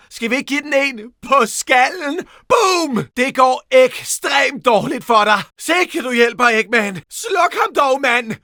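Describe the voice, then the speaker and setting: A man voicing a young, cocky, quick-witted hedgehog hero for an animated video game, teasing and full of energy. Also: very high voice, no echo, studio quality, heavily acted.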